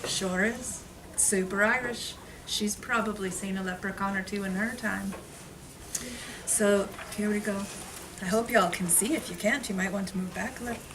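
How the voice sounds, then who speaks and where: Using fairly even intonation and a moderate pace, a woman with a mid-range voice tells stories to young children at an elementary school. Her explanations rely on simple repetition and dramatic emphasis, recorded from afar in a noisy room.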